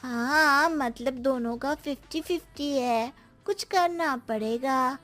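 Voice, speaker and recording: A woman playing a cheeky, wisecracking young schoolboy with a deadpan way of talking back, in a comic audio drama. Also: sits high, slow pace, soft background music. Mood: matter-of-fact.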